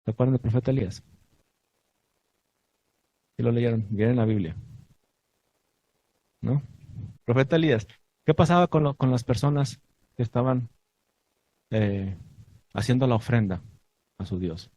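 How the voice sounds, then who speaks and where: A man's voice: medium pitch, measured pace, long pauses, dark tone, dry recording, muffled recording. A man teaching a congregation in a sermon, asking his listeners questions and reciting Hebrew blessings.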